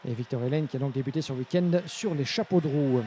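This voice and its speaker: A man commentating live on a kart race as a motorsport commentator, growing excited when the action heats up. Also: mid-range voice, fast talker, a little hiss or hum.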